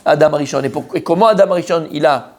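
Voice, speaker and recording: A man teaching a lively religious class to a room of men, asking questions and answering them himself, mixing Hebrew terms into his French. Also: a little high, fast talker. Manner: acts out the story's characters, mixes Hebrew terms into French.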